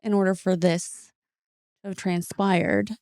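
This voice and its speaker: A woman podcast host and fertility acupuncturist, talking in an animated, dramatic, joking way with her guest. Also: lowish voice, measured pace, clear, resonant tone, no echo, clean studio sound. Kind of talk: casual podcast conversation.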